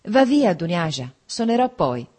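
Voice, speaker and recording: A woman reading a novel aloud, voicing an emotional, impulsive young bride in a breathy voice. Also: full character voice. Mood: delighted. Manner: high, excitable, quick to alarm. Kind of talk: audiobook character reading.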